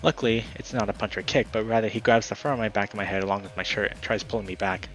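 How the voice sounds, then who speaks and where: A man with a fairly low voice reads a visual novel aloud, giving the narration a dramatic push. He breaks off now and then for a casual aside to his viewers. Soft music plays faintly behind him. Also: low-quality recording. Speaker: gaming YouTuber.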